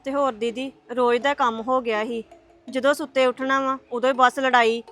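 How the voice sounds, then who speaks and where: A woman with a Punjabi accent acting in a family drama, talking quickly and emphatically. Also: high voice, steady tone, fairly bright tone, faint music behind. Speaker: Sandeep, visiting sister-in-law.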